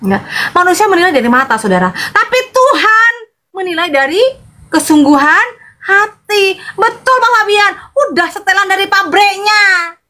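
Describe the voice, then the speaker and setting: A woman evangelist from Madura, preaching in an animated livestream sermon and greeting her viewers by name, with a loud, sharp voice. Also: extremely high pitch, moderate pace. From Madura, Indonesia.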